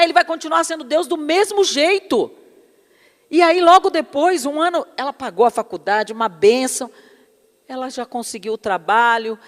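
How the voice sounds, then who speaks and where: A woman's voice: high-pitched, long reverb tail. A woman preaching a sermon with personal testimony, fervent and calling her listeners brothers and beloved.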